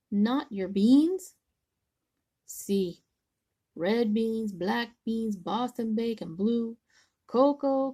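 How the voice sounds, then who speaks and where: A worked-up little male chihuahua from a picture book, played by a woman reading aloud. He stresses each word slowly and emphatically, as if warning his friends. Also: medium pitch, mellow. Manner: drawn-out, emphatic listing. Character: excitable male chihuahua of a storybook gang.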